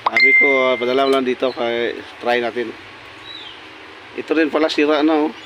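A man at his workbench talks casually as he takes apart a pump, his mid-range voice steady and unhurried. He keeps pointing out old and new parts in quick remarks. A faint hum of the room sits under his voice. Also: mid-range voice, low-quality recording. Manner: talks while working, many short pointing remarks. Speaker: repair technician. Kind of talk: casual repair walkthrough. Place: workshop bench.

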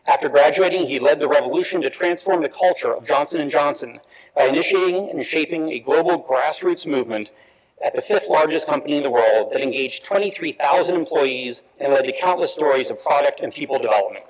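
A man's voice: fairly high pitch, a little fast, poor audio. Man reading a formal award introduction. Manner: reads steadily from prepared text. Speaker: alumni board presenter. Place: auditorium stage. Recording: auditorium with loud crowd. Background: large audience.

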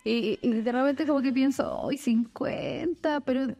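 A woman's voice: high-pitched, sing-song, unhurried, creaky, mellow, muffled recording. A woman in her forties hosting an office studio interview, chatty and encouraging with her guest. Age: 40s. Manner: chatty, encouraging, laughs easily. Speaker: podcast host. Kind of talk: casual interview chat. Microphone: desk boom mic.

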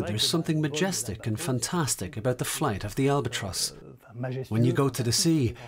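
A man voices over a translated interview in a medium pitch. A clear murmur of other speech runs under him.

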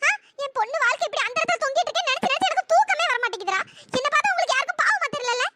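A furious middle-aged cartoon mother scolds at the top of her lungs. Her voice is pitched extremely high and sounds bright and sharp. Faint hiss sits under it. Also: lively intonation, rapid-fire, heavily acted. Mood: angry scolding. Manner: shouting, scolding. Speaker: angry aunt.

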